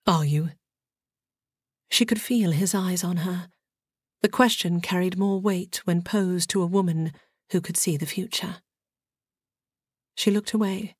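A woman narrating a historical fantasy audiobook in a measured, softly dramatic reading. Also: lowish voice, steady tone, breathy edge, no room sound.

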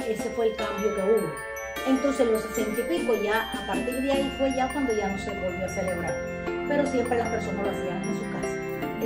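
Recorded from across her echoey living room with loud music in the background, a woman from Cuba in her sixties reminisces to camera as a vlogger. Her voice is a little high, her Cuban Spanish accent clear, and she chats warmly while addressing viewers directly with rhetorical questions.

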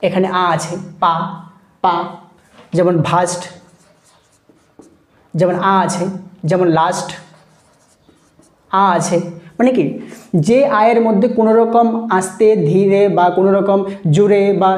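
A woman's voice: medium pitch, fairly even intonation, normal speed, long pauses, a little mellow. A woman teaching a phonetics lesson, patiently repeating example words and checking that students follow. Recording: echoey room.

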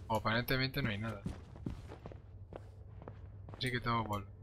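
A man's voice: mid-range voice, steady tone, moderate pace. A young man with a Castilian Spanish accent giving casual, jumpy horror game commentary, muttering to himself and swearing when startled. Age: young adult. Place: small room indoors. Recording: game ambience and noise behind voice. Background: horror game ambience.

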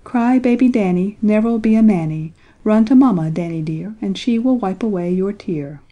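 A woman's voice: on the high side, animated, a little slow, warm tone, muffled recording, pitched above the performer's own voice. A woman voicing a cheeky young male chipmunk in a storybook, mocking in sing-song rhyme.

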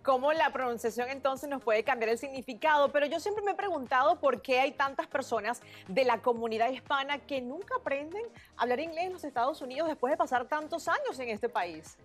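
Woman, high voice, TV host, prompting interview questions, faint music behind. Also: expressive, fairly quick, hardly any pauses. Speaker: TV show host. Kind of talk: interviewing a guest.

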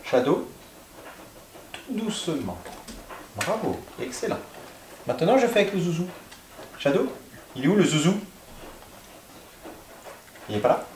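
A man working as a dog trainer, giving calm, firm short commands and explaining a training exercise indoors at home. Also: a little high, unhurried, long pauses, slight background noise. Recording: echoey room.

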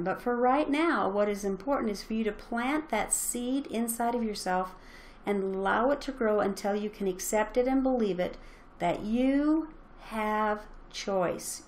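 A middle-aged woman giving an earnest, encouraging motivational talk as a parenting coach, speaking straight to her listeners. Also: medium pitch.

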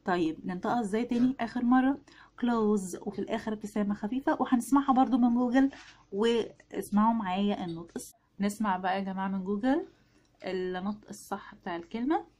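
Fast-talking Egyptian woman teaching pronunciation. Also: mid-range voice, warm tone. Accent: Egyptian Arabic. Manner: chatty, repeats and drills words for viewers. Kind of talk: casual video lesson.

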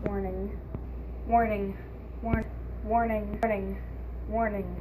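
A woman voicing a stern security alarm system that repeats its warnings in a flat monotone. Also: mid-range voice, takes it slowly, close to an everyday voice, low-quality recording.

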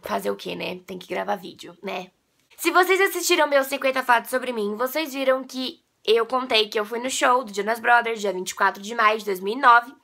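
A Brazilian video blogger in her twenties chats casually to camera from a small bedroom, gushing and animated like a fan. Her slightly high voice, at normal speed, sounds a bit nasal from an oncoming cold.

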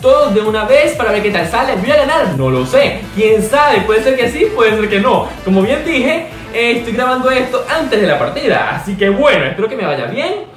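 Chatty host in an echoey room. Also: male voice, very high-pitched, sing-song, moderate pace, hardly any pauses, a bit bright, faint music behind. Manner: chatty, self-questioning. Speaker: channel host. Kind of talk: video intro.

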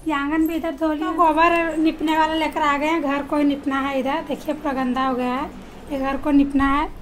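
With slight background noise, a young vlogger films herself around her countryside house and yard, phone at arm's length, chatting to viewers and addressing them often. Her high voice is delivered flatly at a moderate pace.

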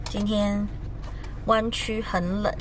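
A woman's voice: mid-range voice, level tone, takes it slowly, noisy background. A young woman with a Taiwanese Mandarin accent chatting casually to camera in a travel vlog. She rambles with fillers, filming at arm's length in a car and on city streets. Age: young adult. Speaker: vlogger. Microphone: handheld camera at arm's length. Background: loud background music.

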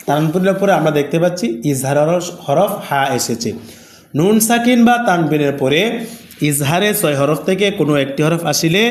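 A man teaching Quran reading, spelling each letter and vowel mark syllable by syllable and explaining the rules in quick asides. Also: a little high, a little mellow, roomy sound. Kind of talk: slow spelled-out recitation lesson.

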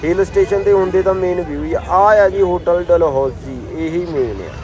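A man's voice: sits high, normal speed, a little mellow, soft background music. A man with an Indian Punjabi accent narrating a travel vlog in casual, slangy, exclamatory talk. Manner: colloquial, slangy, admiring exclamations. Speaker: travel vlogger.

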